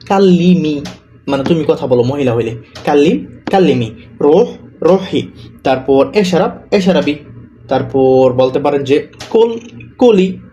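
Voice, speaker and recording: A man teaching spoken Arabic, slowly repeating each example word as he explains his course notes. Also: a little high, dark tone, a little hiss or hum.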